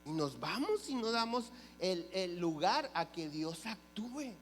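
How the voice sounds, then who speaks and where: A man's voice: sits high, sing-song, takes it slowly, a bit bright. A man preaching a sermon in a church. He tells stories animatedly, acts out the dialogue and puts questions to the congregation. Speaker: pastor. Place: church sanctuary. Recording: church hall reverb with faint mains hum.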